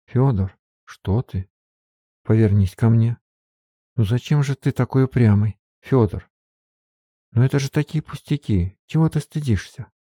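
A man's voice: unhurried, long pauses, mellow, husky, dry recording, studio quality. A man reading an audiobook, voicing a tender but scolding young woman by raising his voice. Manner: voice raised to a higher register for the woman.

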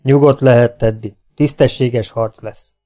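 A man's voice: medium pitch, fairly even intonation, warm tone, close to an everyday voice. A man voicing a fearless, gray-haired army colonel who speaks bluntly and sternly.

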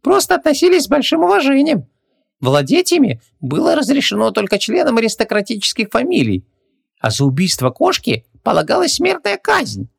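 A man voicing a small, pushy male djinn servant in a squeaky voice for an audiobook. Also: huge pitch swings, fairly quick, creaky, husky, no echo, studio quality, full character voice. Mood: lecturing. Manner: squeaks insistently into an ear.

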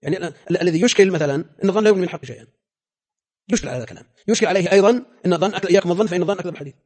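A man's voice: high-pitched, rapid-fire, a little mellow. An older man teaching as a scholar, explaining a classical text in a lecture, emphatic and full of rhetorical questions. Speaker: scholar teaching hadith terminology.

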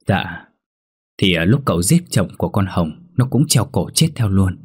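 A man's voice: low voice, animated, normal speed, darkish tone, breathy edge. A man voicing a fearful, deferential older steward who speaks hesitantly and humbly.

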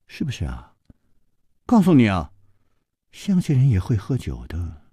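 A man voicing a coy, husky young woman. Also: medium pitch, wildly swooping pitch, unhurried, no room sound, clean studio sound, heavily acted. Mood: teasing. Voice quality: soft, husky and hushed, often near a whisper. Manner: teasing, coy.

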